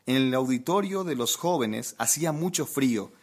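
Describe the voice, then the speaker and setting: With a breathy edge to his medium-pitched voice, a preacher works through a comic story at a moderate pace. He keeps the anecdote lively and asks the audience questions along the way.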